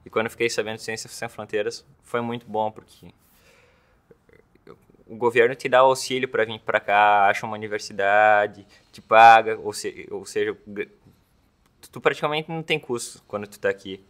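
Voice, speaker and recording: A man's voice: fairly low pitch, moderate pace, a bit bright. A young man, an exchange student giving an interview testimonial, who often stumbles and repeats words as he starts. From southern Brazil. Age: young adult. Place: indoor campus building.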